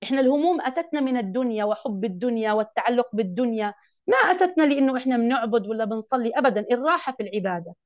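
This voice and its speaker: A woman's voice: on the high side, lively intonation, racing. Emphatic woman giving a religious lesson. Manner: emphatic, asks the audience questions. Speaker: religious teacher. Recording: dull lo-fi recording.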